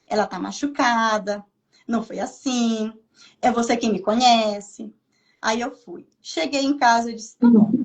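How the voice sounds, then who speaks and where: A woman from Brazil, a missionary guest on a podcast, telling a lively personal faith testimony and acting out her own inner dialogue. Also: fairly high pitch, unhurried.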